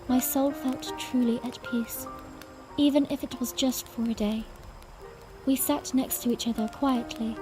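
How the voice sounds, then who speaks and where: A woman playing a young princess in a fanmade audiodrama, narrating in the first person in a soft, earnest, unhurried storybook way. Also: fairly high pitch, close to an everyday voice, poor audio. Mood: serene, wistful.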